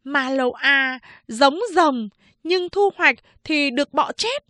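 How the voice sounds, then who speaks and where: Brief: woman playing a sharp-tongued young woman, mocking, high and quick, dry storybook reading. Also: lively intonation, no echo, exaggerated voice. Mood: scornful. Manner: mocking, cutting insults. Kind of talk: audiobook character voice.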